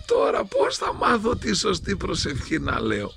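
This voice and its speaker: Humble, illiterate old shepherd, naive and earnest, played by a man with a lively, gravelly voice that climbs high, music under it. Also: noisy background, full character voice. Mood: dismayed. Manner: pleading, naive, repetitive praying.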